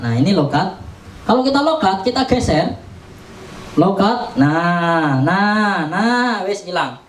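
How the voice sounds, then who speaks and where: A man, chatting casually step by step through a product demonstration. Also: high voice. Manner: chatty, explains step by step while pressing buttons. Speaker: audio gear seller demonstrating a mixer. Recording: roomy sound, mic at a distance.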